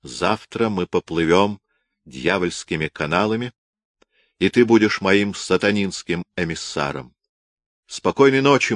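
A man's voice: low-pitched, no echo, studio quality. A man voicing a scheming, domineering old field marshal who barks orders in a historical audiobook.

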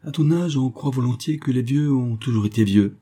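A man with a husky voice reading the part of a stern, sentimental old spinster who confides in a boy in an audiobook. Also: medium pitch, brisk, voice pushed up, close to an everyday voice. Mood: wistful. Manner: gruff voice softening into wistful confiding.

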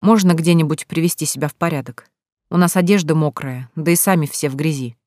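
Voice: medium pitch, fairly quick, a little mellow, dry recording, clean studio sound, close to an everyday voice. A reader voicing a young man who leads a lost group, curt and snapping with the others. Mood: polite.

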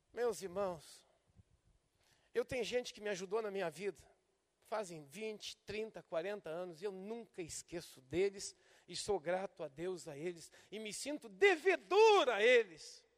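An older man, a pastor preaching a sermon and swinging from soft to loud. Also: extremely high pitch. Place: church service. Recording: long hall reverb from a church.

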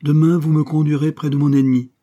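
Stern older matriarch, read by a man: deep, husky, imperious, dark-toned. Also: normal speed, close to an everyday voice. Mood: commanding. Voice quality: deep, hoarse voice. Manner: commanding, imperious.

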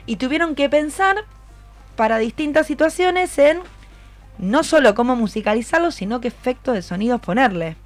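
A radio host with a Rioplatense Argentine accent conducts a conversational interview, encouraging her guest and asking many questions. Her voice is high and lively in intonation, at normal speed, with faint music behind.

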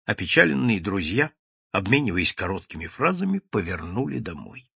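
A man reads an audiobook aloud with a lively, swinging pitch and a theatrical touch. His voice is husky but bright and forward, in a dull, lo-fi recording. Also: moderate pace, dry recording. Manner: expressive, theatrical reading. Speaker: narrator. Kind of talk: audiobook narration.

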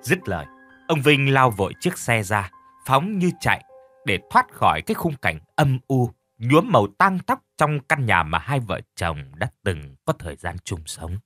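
A male narrator reads a horror story with lively, sweeping intonation at a middle pitch. He slows and speeds up for suspense. Quiet music runs under his voice. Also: no echo, clean studio sound. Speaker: audiobook narrator.

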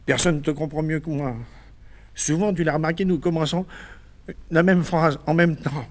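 A man's voice: fairly high pitch, steady tone, moderate pace, lightly acted. A man playing a naive, doting man who fusses tenderly over a woman, in a 1950s stage comedy recording. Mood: consoling. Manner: tender, fussing and chattering. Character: doting, fussy, naive middle-aged man.

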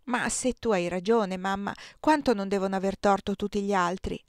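A woman's voice: medium pitch, moderate pace, no room sound, clean studio sound, close to an everyday voice. A woman reading the lines of an anxious young girl in an audiobook. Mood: wondering.

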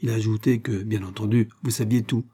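A man's voice: on the low side, fairly even intonation, fairly quick, mellow, husky. A man voicing a shy, hopeful young woman confiding her love in a read-aloud novel, speaking eagerly.

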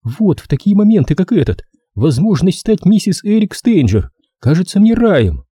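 A jittery, sharp-tongued young woman raises her voice in a high, husky register, as a male reader puts her on. The tone stays dark and mellow. It is heard in a dry, close audiobook recording. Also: sing-song, moderate pace, dry recording, full character voice. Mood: agitated.

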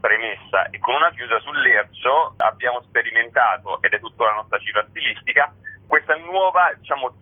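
This is a husky, medium-pitched male voice moving at a brisk clip. He's a satirical writer appearing as a guest, talking through what he does in a loose, filler-heavy way, heard over a narrow, tinny phone connection on the radio.

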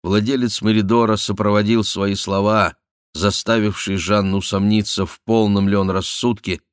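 A man narrating a historical novel in measured, even storytelling. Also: on the low side, smooth, no room sound, studio quality. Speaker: audiobook narrator. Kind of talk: scripted narration.

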